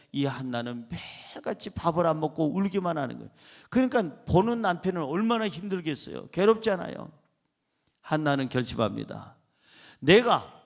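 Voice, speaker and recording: High-voiced Korean pastor preaching. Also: male voice. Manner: preaching with questions to the congregation and sudden loud emphasis. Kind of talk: sermon. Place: church.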